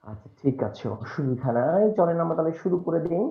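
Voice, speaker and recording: A man's voice: on the high side, fairly quick, creaky. A man teaching a live online class, correcting a student's pronunciation patiently with some fillers. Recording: dull, echoey room sound.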